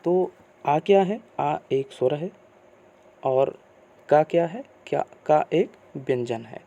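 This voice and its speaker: Guy teaching grammar, bit high voice, gravelly, keeps asking then answering himself. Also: dark tone, dull audio. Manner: asks questions then answers them; slow, repeated teacherly phrasing. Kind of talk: explaining a grammar lesson.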